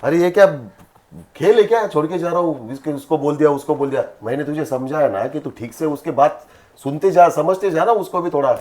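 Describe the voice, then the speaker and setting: A man's voice: fairly high pitch, brisk, a little mellow, lightly acted. An older man playing a worried father who reasons with and scolds his son in a family drama. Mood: scolding. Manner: pleading then scolding.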